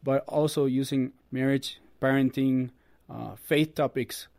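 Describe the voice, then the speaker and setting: A man in his thirties, guesting on an interview. He talks in an earnest, upbeat way at a middling pitch. The recording is dry and close. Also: fairly even intonation, a little slow, vocal fry, darkish tone, no room sound. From Costa Rica. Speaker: guest, ministry producer. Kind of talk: casual interview.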